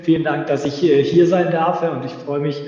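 Man on a low-quality, echoey home-office recording. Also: fairly even intonation, fairly quick, mellow. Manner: explains at length with frequent filler sounds and restarts. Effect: low-quality home-office recording with heavy room reverb and no proper mic. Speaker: interview guest, event entrepreneur. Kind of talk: conversational interview explanation. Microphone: unsuitable microphone. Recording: echoey lo-fi reverberant room.

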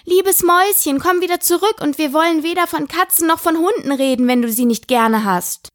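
Woman doing a curious little girl, eager, chatty, apologetic, lifted higher voice, storybook reading. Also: animated, normal speed, no echo, studio quality, close to an everyday voice.

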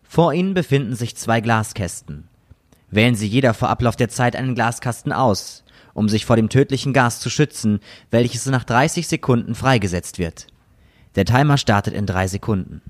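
A man voicing a cold, sinister male game master villain with solemn, measured pronouncements. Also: medium pitch, animated, lightly acted. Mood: menacing. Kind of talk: scripted villain narration.

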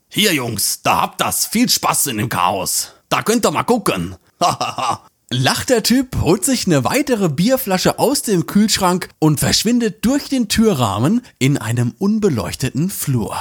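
A man's voice: sits high, slightly rough. A man hosting his own podcast, delivering a playful, theatrical scripted monologue. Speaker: podcast host.

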